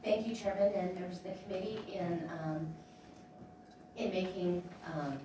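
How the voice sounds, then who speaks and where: A woman's voice: fairly low pitch, normal speed, noisy background. Hesitant woman in her fifties testifying. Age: 50s. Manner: hesitant, many ums. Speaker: public testifier. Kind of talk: public testimony at a hearing. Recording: echoey hearing room from far off.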